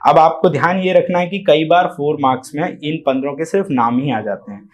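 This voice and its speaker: Man, high-pitched voice, exam coaching lecture, slow read-out definitions, frequent "theek hai". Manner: explains step by step, often asks "theek hai" and "hai na"; switches between Hindi and English mid-sentence. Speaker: teacher.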